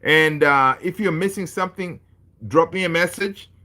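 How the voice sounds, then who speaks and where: A man's voice: a little high, normal speed, bright, forceful tone. A man from Tanzania hosting a casual football livestream, chatting with viewers in a laid-back, chummy way and reading their comments aloud. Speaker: football channel host.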